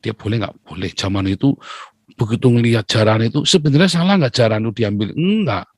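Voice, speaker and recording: A man preaching a sermon in a lively, joking way, often calling his listeners brothers and sisters. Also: fairly low pitch, fast, dry recording.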